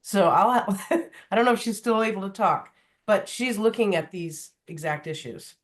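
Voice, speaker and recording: A woman's voice: mid-range voice, normal speed. A woman who works on policy, answering casually and pointing to a colleague.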